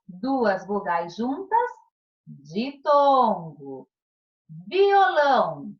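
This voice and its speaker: The lo-fi audio features a woman teacher, her voice a little high and sing-song, with a Brazilian Portuguese accent. Teaching primary pupils remotely in a recorded class, she is encouraging, elongates syllables, and often asks "tá?".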